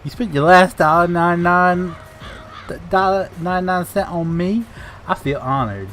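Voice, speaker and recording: A man's voice: high voice, normal speed, a bit bright, slight background noise. A man live-streaming a farming game, chatting loosely with viewers, greeting and thanking them and swearing casually, tired and grumpy.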